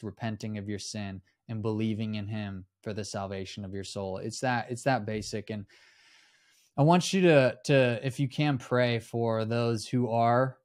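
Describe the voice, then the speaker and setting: A man hosting a faith talk, speaking earnestly and in a teaching tone. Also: mid-range voice. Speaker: host.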